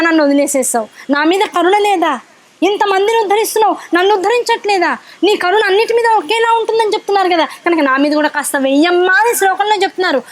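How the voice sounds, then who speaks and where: A woman giving a devotional discourse who chants Sanskrit verses slowly, then explains them in lively conversational speech with rhetorical questions to the listeners. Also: very high-pitched. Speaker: religious discourse speaker.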